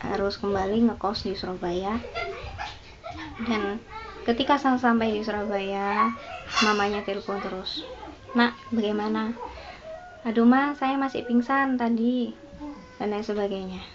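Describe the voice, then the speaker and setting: A woman gives a sermon and tells a story, voicing the people in it as she goes. Her pitch sits in the middle of the range. The recording is a little dull and has a faint hiss under it. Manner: addresses listeners as "saudara", acts out the quoted speech. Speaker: preacher.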